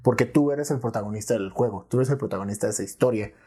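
A man's voice: lowish voice, quick pace, mellow, breathy edge. Opinionated young Mexican man, swearing casually. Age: young adult. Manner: opinionated, swears freely, laughs often. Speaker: podcast co-host. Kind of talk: casual chat.

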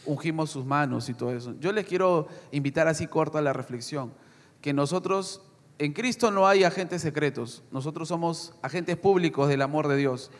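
A man who went on a mission trip, sharing a testimony and exhorting the congregation, lively with some hesitations. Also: on the high side, normal speed. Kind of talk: church testimony and short reflection. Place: church hall. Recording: long hall reverb.

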